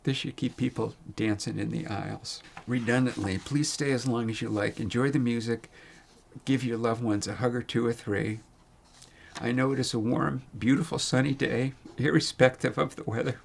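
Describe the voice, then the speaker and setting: An American man in his seventies reading a prepared, personal farewell eulogy in a tender, faltering way, with a gravelly, husky voice. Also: mid-range voice, steady tone, normal speed, a little hiss or hum. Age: 70s. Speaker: speaker reading his own farewell funeral speech.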